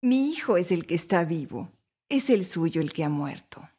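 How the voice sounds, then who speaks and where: A cold, spiteful woman, as a female narrator puts her on snaps back in a lowered, hard voice. Her retorts are short and bitter in this storybook reading. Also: sing-song, moderate pace, mellow, breathy edge.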